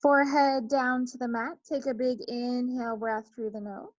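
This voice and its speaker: A woman instructor calmly guiding a gentle yoga class, cueing each breath and movement. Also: fairly high pitch, moderate pace, dry recording, highs cut off.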